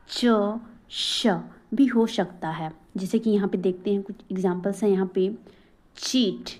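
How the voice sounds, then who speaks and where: A woman teacher leads a phonics lesson at an unhurried pace, with a soft, warm tone. She asks a question, then repeats the answer herself. Now and then she breaks off to encourage her students. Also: medium pitch, low-quality recording. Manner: breaks into recited motivational verse. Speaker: English teacher.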